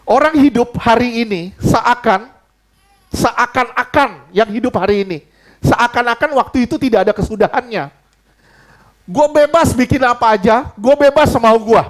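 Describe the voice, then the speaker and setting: A man preaching a sermon in church, emphatic, asking the congregation questions and mixing in casual slang. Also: very high-pitched. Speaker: pastor.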